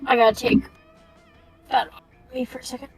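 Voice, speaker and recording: A woman's voice: high voice, fairly even intonation, a little fast, breathy edge, no echo, soft background music. A woman chatting casually as a streamer, scattered and giggly, often talking to herself. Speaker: streamer playing and voicing a game with friends. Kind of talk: casual chat.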